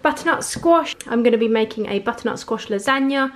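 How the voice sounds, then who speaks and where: A woman's voice: on the high side, lively intonation, fairly quick. A woman vlogger chatting casually as she goes through her shopping at a kitchen table, listing items and prices with plenty of ums and likes. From England. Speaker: family vlogger. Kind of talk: casual grocery haul chat. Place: home kitchen table, indoors.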